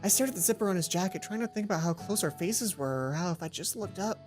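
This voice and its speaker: This woman talks fast in an animated voice on the low side, reading a visual novel aloud for a let's play. Game music runs behind her as she narrates with expression, voices the dialogue, and interrupts herself for offhand remarks.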